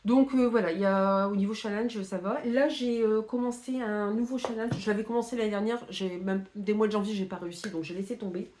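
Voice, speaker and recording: A woman's voice: mid-range voice, steady tone, a little fast, few pauses, a little mellow. A woman chatting casually to camera about her reading plans, with many fillers and restarts. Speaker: book vlogger.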